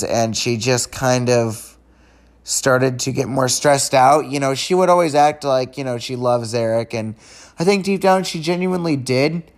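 A man hosting a podcast, reviewing in a casual, unedited way, rambling conversationally with frequent restarts and stammers. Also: medium pitch. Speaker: podcast host.

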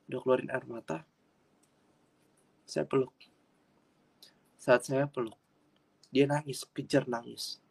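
A man preaching a personal testimony sermon in an earnest way, with sudden loud bursts of emphasis and frequent repetition. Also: mid-range voice, fairly even intonation, slow, creaky, pauses often, husky. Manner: addresses audience as friends, repeats himself.

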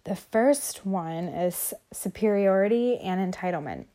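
A woman's voice: mid-range voice, expressive, a little slow, mellow. A young woman hosting a casual podcast monologue, talking loosely with many fillers and audible heavy breathing. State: breathing heavily. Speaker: podcast host.

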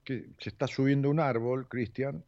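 A man's voice: mid-range voice, steady tone, moderate pace. A man with an Argentine accent counseling someone one-on-one, talking bluntly and emphatically, swearing and pressing with repeated questions. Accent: Argentine Spanish. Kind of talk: confrontational one-on-one counseling session. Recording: dull lo-fi sound.

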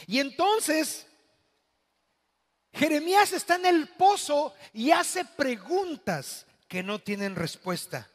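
A man with a Mexican accent preaching a sermon as pastor, swinging between loud, dramatic passages and hushed, quiet ones. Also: extremely high pitch, sing-song, drawn-out words, long pauses, in a large hall. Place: church.

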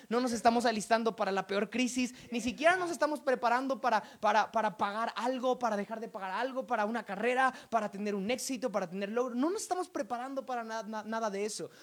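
A woman preaching a sermon with fervent, emphatic delivery, often repeating words. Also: on the high side.

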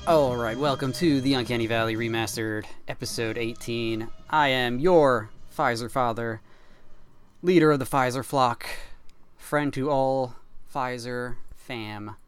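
A man's voice: mid-range voice, a little slow, clear, resonant tone, soft background music. A man hosting a casual gaming podcast, introducing his co-hosts with jokes and many "um"s. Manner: relaxed, jokey introductions with many "um"s. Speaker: podcast host.

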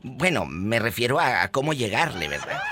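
A man's voice: mid-range voice, sing-song, moderate pace, very noisy. A man hosting a call-in show, flamboyant and teasing, laughing often. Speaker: radio show host.

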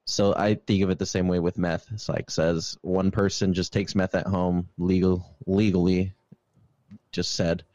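A man's voice: low voice, little pitch movement, measured pace, darkish tone, no room sound, highs cut off. A man hosting a casual podcast, giving his opinions and explaining them with examples, often saying "obviously". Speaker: podcast host. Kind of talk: casual chat.

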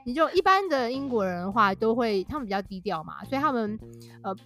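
A woman's voice: on the high side, big pitch swings, fairly quick, a bit bright, faint music behind. A woman guest and author, explaining things in a casual podcast conversation and laughing often.

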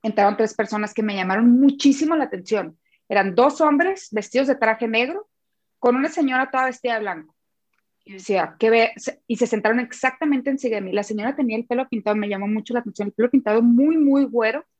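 Storytelling woman, slightly high voice. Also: quick pace, dry recording. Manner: animated, re-enacts dialogue, repeats words. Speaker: guest. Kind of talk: emotional personal storytelling. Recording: muffled lo-fi sound.

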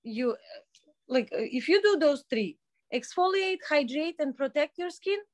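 A woman around forty speaks with a Belarusian accent in a fairly high voice. She talks casually as an interview guest, feeling her way through sentences in halting phrases. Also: animated. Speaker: podcast guest, day spa owner and skincare specialist.

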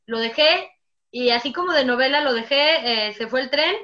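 A woman's voice: sits high, moderate pace, bright, forceful tone, muffled recording. A young Mexican woman with a Mexican accent, hosting a casual chat and telling stories animatedly, acting out her own past words. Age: young adult.

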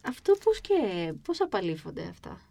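A woman's voice: fairly high pitch, huge pitch swings, creaky, darkish tone, no room sound. A woman hosting a podcast interview, asking questions and murmuring agreement attentively. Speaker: podcast host.

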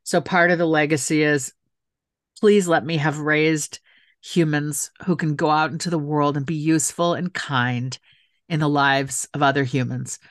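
With a low, steady voice at a normal pace, a middle-aged author and council member speaks earnestly in an interview. She repeats phrases to underline her feelings, captured at studio quality without echo.

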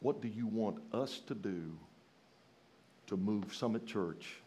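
A man from rural Louisiana with a Southern US accent, preaching a sermon in a folksy, emphatic way, putting questions to his listeners and moving between raised exclamations and hushed phrases. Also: lowish voice, expressive, slow, a little hiss or hum. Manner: folksy, rhetorical questions to the congregation.

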